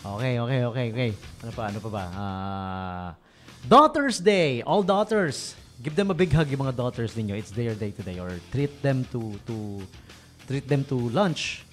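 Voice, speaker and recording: A man's voice: medium pitch, unhurried, fairly bright tone, soft background music. A man with a Filipino accent hosting a casual radio show, joking and chuckling at his own puns. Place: radio studio.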